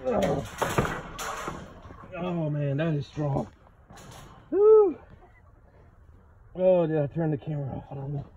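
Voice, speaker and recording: A man's voice: on the high side, huge pitch swings, slow, vocal fry, pauses often, dark tone, slightly rough, muffled recording. A man filming himself outdoors at night, gasping and coughing through strained exclamations after being sprayed. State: coughing, gagging from skunk spray. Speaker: vlogger. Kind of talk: panicked live commentary while filming. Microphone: phone camera swinging about. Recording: noisy outdoor phone recording.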